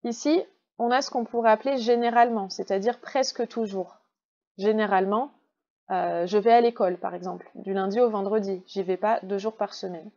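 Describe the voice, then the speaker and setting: A woman with a French accent teaching English in a recorded online class, patiently explaining step by step and slowing down to model pronunciation. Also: mid-range voice, steady tone, a little mellow, dull audio.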